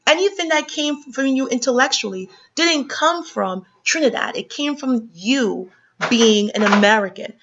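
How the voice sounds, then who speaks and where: A woman's voice: high-pitched, measured pace, a bit bright. Impassioned woman commentator, lo-fi sound. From Caribbean. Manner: impassioned, lecturing, many fillers. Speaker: commentary vlogger. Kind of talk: opinion commentary video. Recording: dull lo-fi sound.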